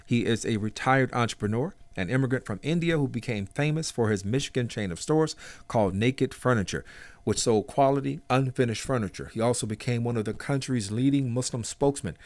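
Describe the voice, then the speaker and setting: A man hosting a radio interview with a clear announcer delivery. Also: mid-range voice, fairly quick, a little mellow, dry recording. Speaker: radio host.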